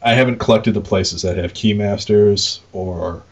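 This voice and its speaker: Fairly low in pitch with a darkish tone, his voice moves at a normal speed. He's an arcade game operator co-hosting a podcast, rambling through unscripted shop talk with mildly crude slang, all captured in a dull lo-fi recording.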